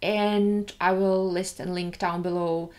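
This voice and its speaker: A woman's voice: on the low side, flat delivery, slow pace, darkish tone. Chatty woman vlogger, candid and easygoing. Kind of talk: casual vlog talk.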